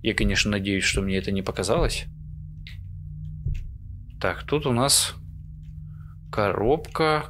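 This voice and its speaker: A man's voice: lowish voice, fairly bright tone, slight background noise. A man doing casual, jittery commentary as he plays a horror game, muttering to himself nervously. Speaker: gamer, let's play host. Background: horror game ambience.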